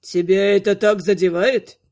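A woman's voice: fairly low pitch, normal speed, pitched below the performer's own voice, close to an everyday voice. Woman playing a cold smug necromancer. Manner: calm, icy and mocking.

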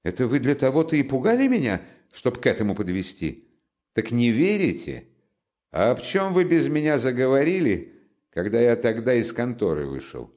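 A man's voice: mid-range voice, very animated, moderate pace, darkish tone, pitched above the performer's own voice, close to an everyday voice. A man reading the part of a feverish, overwrought young student who mocks and taunts the man he is talking to. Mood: taunting, feverish. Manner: mocking, nervous, teasing. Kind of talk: audiobook character reading.

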